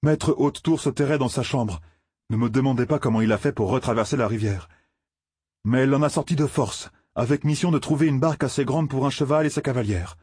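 An earnest young apprentice blacksmith explains himself plainly, as a man plays him. The voice is husky, close and dry. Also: medium pitch, a little fast, a little mellow, dry recording, voice pushed up, lightly acted.

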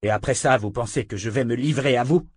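A man's voice: mid-range voice, fast talker, darkish tone, breathy edge, dry recording, clean studio sound, lightly acted. A man voicing a heated, accusing young man in an audiobook. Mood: angry. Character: angry young man, defiant.

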